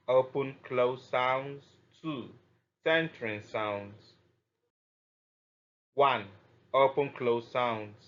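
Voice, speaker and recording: A man teaching a scripted phonetics lesson, deliberately reading out sounds and lists of example words one at a time. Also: medium pitch. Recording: dull muffled lo-fi audio.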